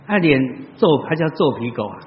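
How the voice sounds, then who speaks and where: A man's voice: on the high side, very animated, a little fast, a little hiss or hum. Preacher man in a reverberant hall. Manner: storytelling preacher, swinging between loud exclaims and soft asides. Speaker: pastor. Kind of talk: sermon. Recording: long hall reverb, dull lo-fi sound.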